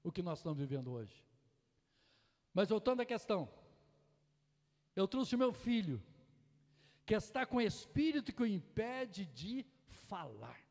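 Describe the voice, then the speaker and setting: A man preaching a sermon in a church, shifting from soft asides to loud, impassioned exhortation. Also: high-pitched, very animated, unhurried, pauses often. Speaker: pastor. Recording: echoey church hall.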